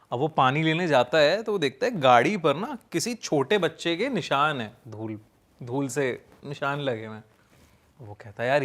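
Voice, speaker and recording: A man casually telling a ghost story, pausing with fillers as he builds suspense. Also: medium pitch. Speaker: storyteller guest.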